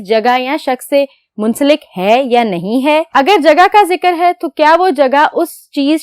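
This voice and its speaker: A woman teacher giving a lesson to young students, explaining patiently step by step and asking questions that she answers herself, then dictating words slowly as she writes. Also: high-pitched, no room sound, studio quality. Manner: dictates slowly while writing. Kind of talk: classroom lecture to children.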